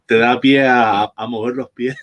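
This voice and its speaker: A man's voice: medium pitch, steady tone, unhurried, fairly bright tone. A man hosting a casual interview, friendly and joking as he asks his guests questions. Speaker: interview host.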